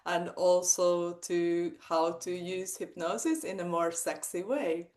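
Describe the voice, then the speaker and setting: A woman in her forties speaks English with a Hungarian accent, her voice sitting on the low side for a woman. She chats animatedly as an interview guest, sprinkling in fillers and acting out her own past thoughts. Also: slow. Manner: animated, lots of fillers and acted-out quotes. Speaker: guest, sex coach and hypnotherapist. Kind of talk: casual interview chat.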